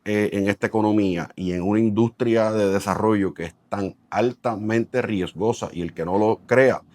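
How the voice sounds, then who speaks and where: The recording is dry, and the man's lowish voice carries a darkish tone at moderate pace. He's a middle-aged Puerto Rican company president in real estate development whose Puerto Rican Spanish accent colors his thoughtful interview answers, which are full of fillers and restarts.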